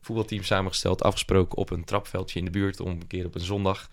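Low gravelly-voiced man, halting. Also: flat delivery. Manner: hesitant, many fillers and restarts. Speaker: entrepreneur guest. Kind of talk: casual interview talk.

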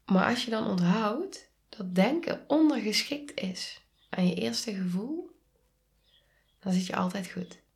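A woman with a Dutch accent hosting a reflective solo podcast, speaking calmly and softly and often dropping into a whisper. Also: medium pitch, gravelly. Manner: slow, calm, soft-spoken, drops to whispers. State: sneezing. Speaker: podcast host and coach.

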